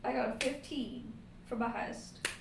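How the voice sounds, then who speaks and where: A woman's voice: a little high, fairly even intonation, moderate pace, creaky. A woman chatting casually and informally as a player in a tabletop game, swearing freely. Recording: echoey room, distant mic, faint noise.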